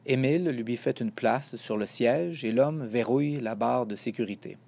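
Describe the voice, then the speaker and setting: A man calmly reading a children's storybook aloud. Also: mid-range voice, moderate pace, creaky. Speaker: narrator. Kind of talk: scripted storybook narration.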